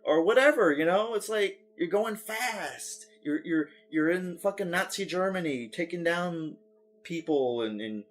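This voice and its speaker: A man's voice: high-pitched, animated, a little slow, soft background music. A man co-hosting a casual podcast chat, telling rambling stories full of swearing. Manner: rambling, profane storytelling. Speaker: podcast co-host.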